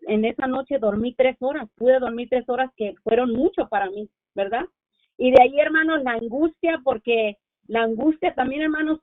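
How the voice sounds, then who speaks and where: A woman's voice: fairly high pitch, dry recording. A middle-aged woman giving a fervent religious testimony, speaking straight to her listeners as sisters. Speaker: church member giving testimony. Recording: tinny dry phone-line sound.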